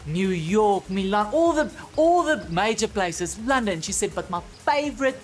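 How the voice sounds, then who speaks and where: A man with a South African accent telling a stand-up comedy story, loose and animated with a lot of swearing. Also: high voice, a little slow, faint music behind.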